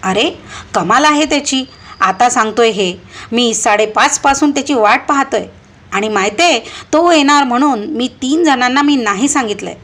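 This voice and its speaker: A woman's voice: high-pitched, animated, unhurried, voice pushed up. A woman reading aloud, voicing an agitated middle-aged male teacher who exclaims in a raised voice.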